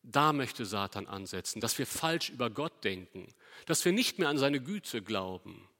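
Preaching in a big hall at normal speed, this medium-voiced man swings his pitch widely, putting rhetorical questions to the congregation. His emphatic delivery shifts between forceful stresses and hushed stretches.

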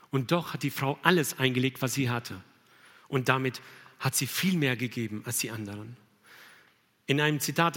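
Male pastor, emphatic sermon delivery, slightly high voice, long reverb. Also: a bit bright. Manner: earnest, emphatic preaching with rhetorical questions. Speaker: preacher.

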